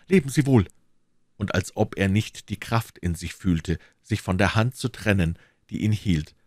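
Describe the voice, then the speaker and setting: A man narrating a classic novel as an audiobook, in a measured, expressive storytelling manner. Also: low voice, no echo, studio quality.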